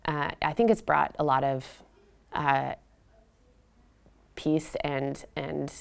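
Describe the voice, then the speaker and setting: Brief: woman runner being interviewed, low register, smooth clear tone, sincere. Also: little pitch movement, slow pace. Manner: earnest and reflective. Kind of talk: casual recollection in an interview.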